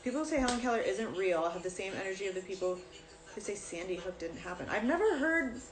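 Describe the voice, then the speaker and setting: A young woman hosting a casual live chat, blunt and quick to swear. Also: medium pitch, animated, echoey room, rough recording. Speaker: host of a live stream.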